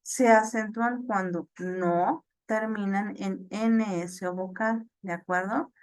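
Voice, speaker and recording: A woman teaching an online class, explaining slowly with fillers and repeats and checking in with "ok?". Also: medium pitch, steady tone, a little mellow, dry recording. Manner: slow, halting explanation with many fillers and repeats; checks understanding with "ok?".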